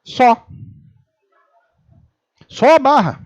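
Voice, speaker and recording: Lively, high-voiced man preaching. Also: extremely slow, lo-fi sound. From Brazil. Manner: animated storytelling, acting out quoted voices. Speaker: pastor. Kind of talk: humorous sermon. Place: church.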